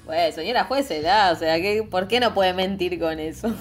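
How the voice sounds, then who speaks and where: A young woman with a Rioplatense accent co-hosting a casual chat, full of quick joking comebacks and slang. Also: on the low side, a little hiss or hum. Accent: Rioplatense Spanish. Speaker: podcast co-host.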